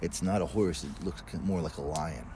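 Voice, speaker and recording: Low-voiced male guest, casual fireside storyteller, colloquial and a bit sweary, recorded outdoors with clear background noise. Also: moderate pace, mellow. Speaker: guest telling personal stories. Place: outdoors in a backyard. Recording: noisy outdoor ambience with vehicle sounds.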